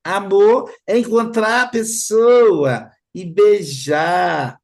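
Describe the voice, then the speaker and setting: A man's voice: high voice, very slow, a little mellow, exaggerated voice. A man voicing an earnest young female college student answering her professor.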